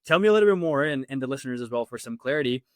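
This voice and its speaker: A male interview host from Latin America with an average-pitched voice. He talks quickly and casually, putting questions to his guest. The recording is close and dry. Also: animated, dry recording. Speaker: podcast host.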